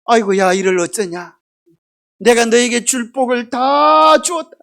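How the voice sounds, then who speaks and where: A woman's voice: on the high side, animated, a little slow, fairly bright tone. A woman voicing a stern old father in a Bible story, drawing out scolding words.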